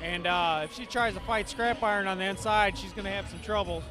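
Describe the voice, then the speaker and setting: A man's voice: sits high, a little fast, music in the background. A man giving casual live boxing commentary from ringside in a sports hall. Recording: live camera audio with clear crowd noise.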